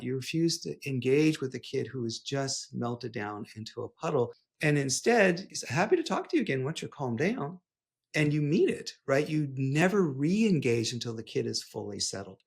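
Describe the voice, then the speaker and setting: Gravelly-voiced man explaining parenting. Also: medium pitch, moderate pace. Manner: animated, playful storytelling with acted-out dialogue. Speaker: clinical psychologist, podcast guest. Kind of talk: conversational interview.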